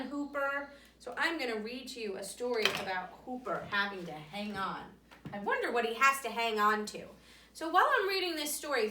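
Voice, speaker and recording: A woman's voice: on the high side, bright, forceful tone. A woman teacher reading a storytime lesson to young children, coaxing them with questions. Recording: roomy echo, voice from the mic's distance.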